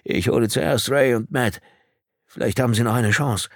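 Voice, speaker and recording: A man's voice: medium pitch, moderate pace, no echo, clean studio sound, lightly acted. A man voicing a frightened, injured crash survivor with a shaken, trembling voice. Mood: resolved.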